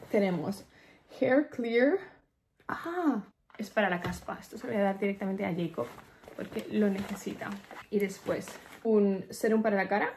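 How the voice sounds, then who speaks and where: A woman with a Spain Spanish accent chatting excitedly to camera in a casual vlog, laughing often. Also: mid-range voice, slight background noise. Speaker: lifestyle vlogger.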